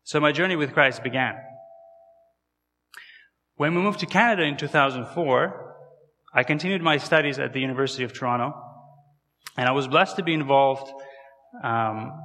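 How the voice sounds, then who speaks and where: A man's voice: mid-range voice, normal speed, pauses often, pushed and bright, in a large hall. A man in his thirties from Kazakhstan, with an accent from there, giving a conversational guest sermon in a church and asking the audience questions. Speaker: guest missionary speaker.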